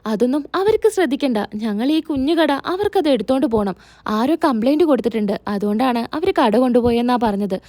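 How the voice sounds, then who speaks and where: Here is an indignant young husband, hot-tempered and quick to accuse, as a woman storyteller acts him. He sounds raised and high-pitched. The sound is warm and close, with no room around it. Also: animated, dry recording.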